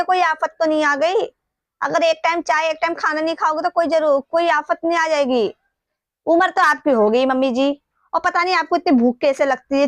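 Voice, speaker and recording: A woman playing a young daughter-in-law in a home-made family drama, talking quickly and scolding her elders. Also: on the high side, dry recording, close to an everyday voice. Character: young daughter-in-law, sharp-tongued then remorseful. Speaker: actor in a family drama skit. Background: background music.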